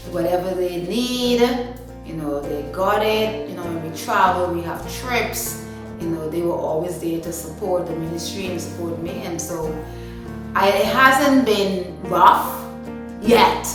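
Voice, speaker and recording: A woman's voice: fairly low pitch, a little slow. A woman from Guyana, answering interview questions about her dance ministry in a chatty way, with many "you know" fillers. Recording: echoey room, mic at a distance, music underneath.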